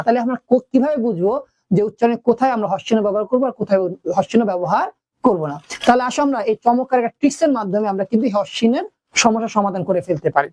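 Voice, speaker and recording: A male teacher giving a lesson at a brisk, rapid pace. He keeps quizzing his students and circling back over the same rule. The sound is close and dry, with no room around it. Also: high-pitched, darkish tone, dry recording. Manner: asks the class questions and repeats key points. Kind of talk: classroom lesson.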